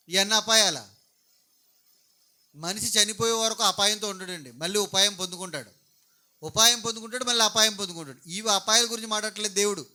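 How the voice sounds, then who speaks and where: A man's voice: high-pitched, bright, forceful tone. A middle-aged man preaching a sermon, posing questions to the congregation and answering them himself. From Andhra Pradesh. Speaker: pastor.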